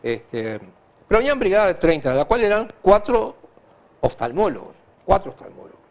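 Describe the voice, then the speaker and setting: Animated Uruguayan man with a creaky voice. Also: high-pitched. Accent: Uruguayan Spanish. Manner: animated, halting and repetitive, with frequent filler tags. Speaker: interview guest, hospital director. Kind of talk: conversational interview answers, anecdotal.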